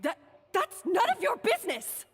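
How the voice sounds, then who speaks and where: An actress playing a defiant young head chef who talks back in a snappy, defensive way. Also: female voice, very high voice, huge pitch swings, moderate pace, long reverb tail, over loud music, exaggerated voice.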